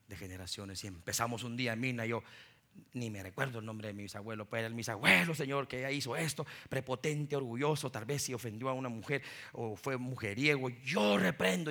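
A gravelly-voiced, middle-aged pastor from Guatemala, carrying a Guatemalan Spanish accent, gives a sermon. In his stories he alternates between loud preaching and hushed, low asides.

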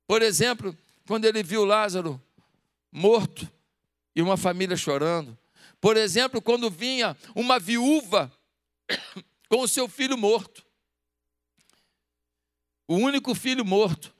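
Man, Brazilian Portuguese accent, pastor, sermon, emphatic rhetorical questions, very high voice. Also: animated, measured pace, long pauses, fairly bright tone, no room sound, clean studio sound.

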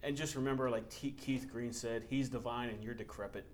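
A man preaching a relaxed, conversational sermon as pastor, telling personal stories and reading scripture with rising emphasis. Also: medium pitch, fairly quick, slight background noise. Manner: candid, storytelling, reads scripture with rising emphasis.

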